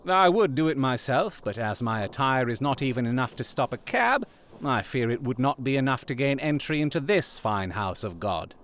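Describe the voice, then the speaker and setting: An animated, commanding Sherlock Holmes. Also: male voice, medium pitch. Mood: grave, calculating. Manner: theatrical, deliberate, formal diction. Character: Sherlock Holmes, shrewd, commanding Victorian gentleman detective. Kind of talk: period audio drama acting.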